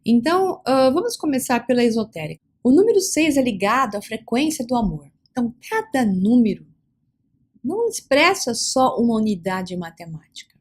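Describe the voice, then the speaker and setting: Woman, fairly high voice, rambling explanatory talk, slows down on key terms. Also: big pitch swings, darkish tone. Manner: rambling, repeats "então", slows down to stress terms. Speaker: esoteric speaker answering questions.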